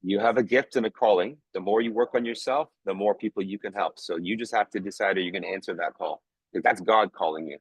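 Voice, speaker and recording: A man's voice: fairly low pitch, quick pace, hardly any pauses, husky, dry recording, rough recording. A man coaching a group over a video call, with an emphatic, heartfelt manner. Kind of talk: motivational coaching talk. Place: home, in Vancouver.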